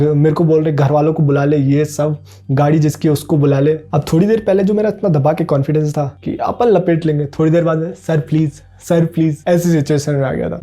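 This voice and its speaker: Young man telling a story, mellow voice. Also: on the high side. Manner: animated, self-mocking, acts out quoted voices. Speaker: vlogger. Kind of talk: casual storytelling.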